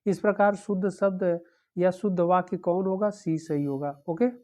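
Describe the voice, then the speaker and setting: A woman's voice: on the low side, moderate pace, a little mellow. A woman teaching an exam-prep lesson, going through the answer options one by one and repeating them, with a frequent "okay".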